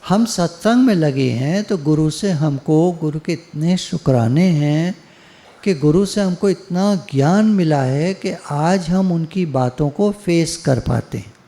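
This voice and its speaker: A man's voice: a little high, unhurried, warm tone. A man telling a parable and drawing a spiritual lesson in a plain, conversational way. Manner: plain conversational storytelling, repetitive. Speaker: spiritual speaker. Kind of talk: spoken parable and satsang talk.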